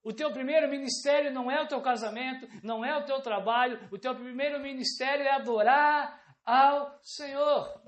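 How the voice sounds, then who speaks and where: A woman's voice: high-pitched, normal speed, hardly any pauses, echoey room. A woman preacher delivering an emphatic sermon, often calling out rhetorical questions to the congregation.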